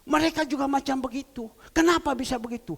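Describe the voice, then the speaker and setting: A man preaches in an animated way, acting out both sides of a phone call as he tells a story. His voice sits very high with a gravelly edge. The sound rings with the long reverb of a church hall. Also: quick pace. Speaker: pastor. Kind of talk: sermon.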